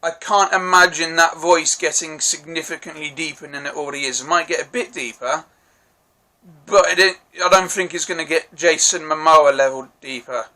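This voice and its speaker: A man's voice: a little high, steady tone, moderate pace, sharp tone. A man giving a casual spoken film review, rambling and hesitant, with many fillers and restarts.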